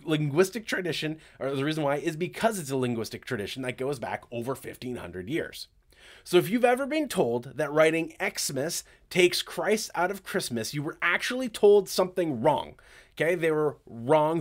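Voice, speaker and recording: A man delivers a church sermon in a direct, conversational way, often stopping to check that his listeners are following. His voice sits a little on the higher side for a man. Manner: direct, conversational preaching with frequent "okay" check-ins. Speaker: pastor.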